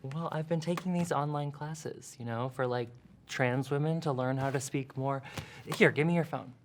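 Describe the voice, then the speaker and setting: A woman's voice: low-pitched, normal speed, darkish tone, slight background noise, natural voice. A woman playing a vain young podcaster who gushes and fills her talk with "like". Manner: gushing, airy, valley-girl filler "like". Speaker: podcast co-host. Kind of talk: comedy sketch.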